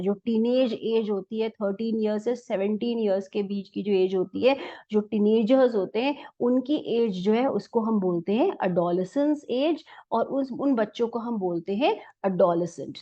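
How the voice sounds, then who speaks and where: A woman's voice: a little high, dark tone. A woman with an Indian accent teaching English pronunciation in a mix of Hindi and English, spelling words out and repeating them patiently. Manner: slow, spelled-out word by word, patient repetition. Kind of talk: explaining vocabulary lesson. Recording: dull lo-fi recording.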